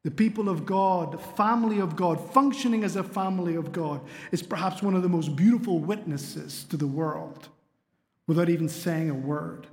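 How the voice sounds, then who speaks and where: A man's voice: sits high, moderate pace, darkish tone. A middle-aged man, preaching a sermon with earnest storytelling and light humor. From Spain. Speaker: pastor. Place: church sanctuary. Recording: long hall reverb in a church.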